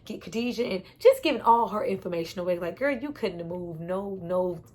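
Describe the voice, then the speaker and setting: Husky woman recapping a show. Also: on the low side, brisk. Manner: animated and chatty, with frequent laughter and cursing. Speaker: TV show reviewer. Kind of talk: casual episode recap.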